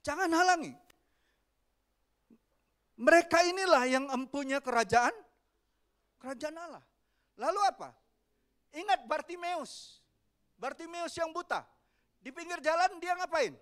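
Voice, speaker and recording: A man preaching a sermon as pastor, lively and often asking the congregation questions. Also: very high-pitched, unhurried, pauses often. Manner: animated, asks the congregation questions, acts out quoted voices.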